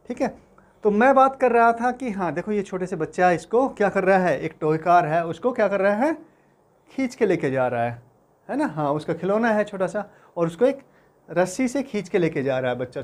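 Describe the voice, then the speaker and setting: A man's voice: sits high, darkish tone. A man teaching physics in Hindi to exam students, friendly and reassuring, often checking that they follow along. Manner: friendly, addresses students as beta, asks for confirmation often.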